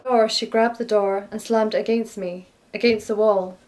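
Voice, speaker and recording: A woman's voice: medium pitch, fairly even intonation, normal speed, a little mellow. A woman, a former care worker, steadily recounting a personal story in first person.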